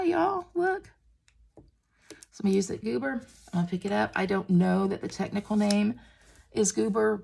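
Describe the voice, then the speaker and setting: A woman demonstrating stamping crafts, gushing and excitable as she talks while working with her hands. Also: mid-range voice, creaky, slight background noise. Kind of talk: crafting tutorial.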